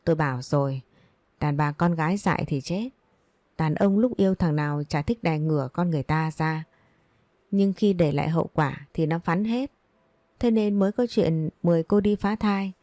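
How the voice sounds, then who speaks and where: A woman's voice: sits low, mellow, no echo, lightly acted. A woman reading as a harsh, scolding clinic doctor. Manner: scolding, coarse and contemptuous. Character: harsh blunt middle-aged female doctor.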